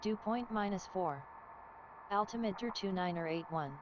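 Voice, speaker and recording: A woman's voice on an automated airport weather broadcast, heard over aircraft radio. Each number and code comes out clipped and measured. The sound is muffled and sits under a strong hiss. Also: mid-range voice. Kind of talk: recorded terminal information broadcast.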